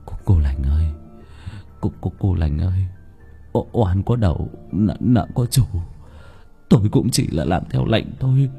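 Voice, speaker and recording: A man's voice: animated, a little slow, creaky, long pauses, warm tone, muffled recording, soft background music, exaggerated voice. A man voicing a terrified young male servant who stammers and pleads with a ghost, in a horror audiobook. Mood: pleading. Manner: stammering, pleading, shrill with fear.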